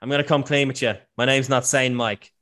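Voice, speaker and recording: A man voicing a rough, friendly male bookie who talks in blunt slang. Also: mid-range voice, steady tone, brisk, a bit bright, close to an everyday voice. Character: rowdy male bookie with a street manner.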